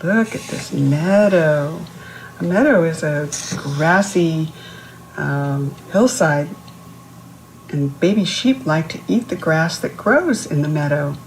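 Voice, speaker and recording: Reading a picture book to young children, this read-aloud host uses a deep, expressive voice at a slow pace, posing questions to listeners and explaining words along the way. The audio is poor, with slight background noise.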